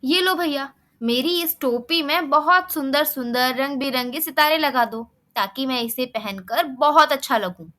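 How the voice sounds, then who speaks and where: A cheeky, boastful little male mouse from a storybook, as a woman puts him on. He demands things and chants his threats in a high, bright voice. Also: measured pace.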